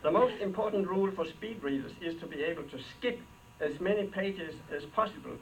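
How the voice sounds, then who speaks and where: A fairly quick, high-sitting male voice belongs to an older after-dinner speaker from Denmark with a Danish accent. He tells stories with dry wit and comic asides in a humorous luncheon speech before a live audience in a hall, captured on a distant mic with clear background noise.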